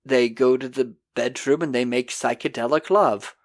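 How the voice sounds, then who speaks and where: A man hosting a podcast, recapping a film in a casual, animated, jokey way. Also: mid-range voice, moderate pace. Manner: animated storyteller, jokey, acting out scenes. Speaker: podcast host.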